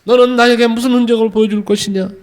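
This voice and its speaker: A man's voice: extremely high pitch, steady tone, quick pace. A male pastor voicing the Lord, who speaks in a solemn, fatherly way to a beloved son and daughter. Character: Jesus as a loving, solemn divine Lord.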